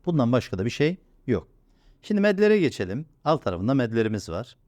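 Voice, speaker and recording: Patient male teacher, lively pitch. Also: no echo, clean studio sound. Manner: patient, repeats sounds slowly and asks himself questions. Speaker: Quran reading teacher. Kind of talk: step-by-step recorded lesson.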